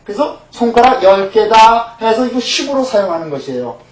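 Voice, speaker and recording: A man's voice: high voice, very animated, brisk. A middle-aged pastor teaching a Hebrew class, patiently repeating each letter name and asking questions that he then answers himself. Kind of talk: recorded language lecture. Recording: echoey room, mic at a distance.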